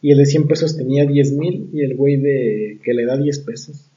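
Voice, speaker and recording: A man's voice: medium pitch, moderate pace, distant mic, lo-fi sound. A young man with a Mexican accent telling a story in casual, profane chat. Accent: Mexican Spanish. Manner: slangy, profane, animated storyteller.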